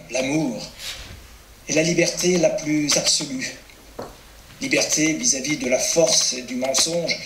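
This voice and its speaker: A man reading a letter aloud in a measured, even way. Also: fairly high pitch. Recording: echoey room from far off, noise.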